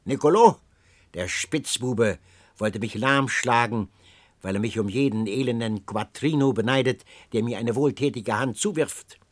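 A man's voice: fairly low pitch, animated, normal speed, slightly rough, dry recording. A man voicing a poor, hot-tempered young laborer in an audiobook. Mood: angry. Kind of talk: audiobook character voice.

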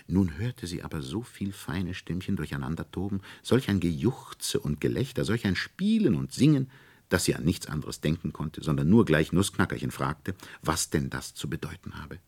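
A man narrating a fairy tale audiobook with expressive, lilting storytelling and dramatic slowdowns. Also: low-pitched, breathy edge.

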